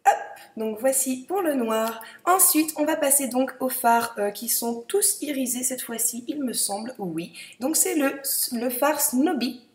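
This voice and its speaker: A woman's voice: sits high, animated, a little slow. A young woman chatting casually through a makeup swatch review, hesitant, with many fillers and repeated words. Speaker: beauty vlogger. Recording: echoey room.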